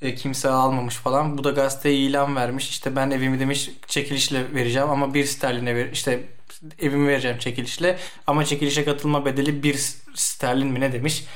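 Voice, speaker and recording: A man's voice: mid-range voice, level tone, fast talker. A young man co-hosting a podcast, chatty and needling in casual talk. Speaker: podcast co-host. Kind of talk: casual chat.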